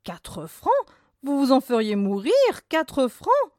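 A woman reading a story plays a miserly farm widow whose outrage jumps high and shrill. The tone stays sour, and the sound is close and dry. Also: expressive, brisk, no echo, natural voice.

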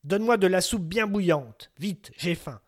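A man voicing a huge, greedy, man-eating male giant in a storybook tale, speaking in a loud, threatening way. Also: high-pitched, lively intonation, moderate pace. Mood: demanding.

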